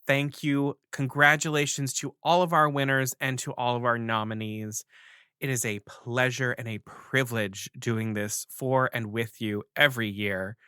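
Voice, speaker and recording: A man's voice: mid-range voice, steady tone, moderate pace, sharp tone, clean tone, no room sound, clean studio sound. A man co-hosting a podcast, chatting casually in a playful, jokey way. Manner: playful, jokey, emotional when telling a story. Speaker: podcast co-host.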